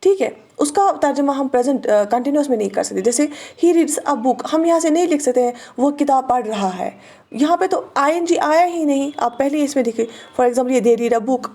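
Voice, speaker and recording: A woman teacher with a Kashmiri accent, speaking in a fairly high but mellow voice. She reads each example sentence slowly and repeats it for drilling. She keeps checking that her students follow along. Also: expressive. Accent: Kashmiri-accented Hindi-Urdu. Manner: checks understanding with short questions. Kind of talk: online exam-prep lesson.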